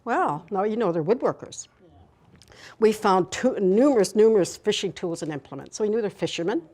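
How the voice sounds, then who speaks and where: A woman's voice: mid-range voice, expressive, brisk, darkish tone. A woman managing a cultural center, explaining its history with proud emphasis. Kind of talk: guided explanation.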